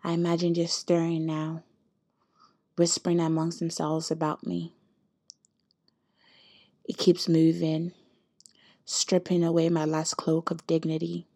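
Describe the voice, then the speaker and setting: A woman performing a dramatic spoken monologue, hushed and intense, dropping at times into whispers. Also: low voice, completely flat delivery, measured pace, long pauses.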